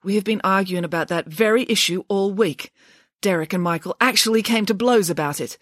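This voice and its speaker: A woman's voice: mid-range voice, brisk, no echo, clean studio sound, lightly acted. A woman voicing a polite, sensible young girl who sounds earnest and soothing, gushing with praise.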